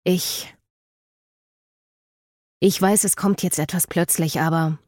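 A woman reading the lines of a hesitant, evasive teenage boy in an audiobook, halting and stammering. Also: fairly low pitch, fairly even intonation, a little mellow, dry recording, studio quality.

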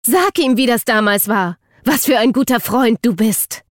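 A woman voicing a furious young woman who feels betrayed, shouting accusations bitterly. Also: mid-range voice, moderate pace, no room sound, clean studio sound, natural voice.

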